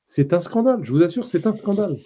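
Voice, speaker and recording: A man's voice: high-pitched, expressive, fast talker, background noise. A man, a print journalist, giving a conference talk in an impassioned, emphatic way.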